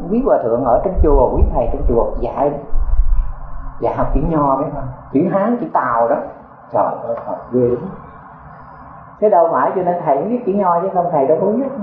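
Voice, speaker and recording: An older monk giving a folksy, chatty dharma talk full of rhetorical questions. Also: male voice, a little high. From Vietnam. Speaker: Buddhist monk teacher. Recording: echoey, tinny phone-like sound with faint noise.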